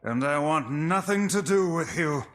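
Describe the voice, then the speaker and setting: A man playing a proud talking magical book in a video game, formal, deliberate and pompous. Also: a little high, animated. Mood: haughty, recovered.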